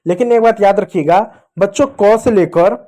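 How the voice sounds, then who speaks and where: A teacher with a high, light voice and a dark tone gives children a patient reading lesson. He slowly repeats each sound, asks questions and answers them himself, and keeps addressing his viewers as dear children.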